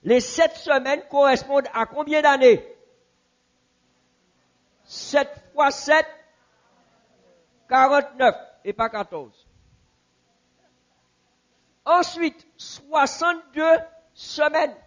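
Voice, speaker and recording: A man teaching a Bible class in a church, asking the audience questions and repeating answers slowly. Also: very high voice, fairly bright tone, lo-fi sound.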